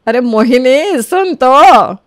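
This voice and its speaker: A woman's voice: sits high, lively intonation, takes it slowly, dry recording, studio quality. A kindly mother-in-law. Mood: concerned. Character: kindly worried mother-in-law, middle-aged woman. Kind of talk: cartoon story voice acting.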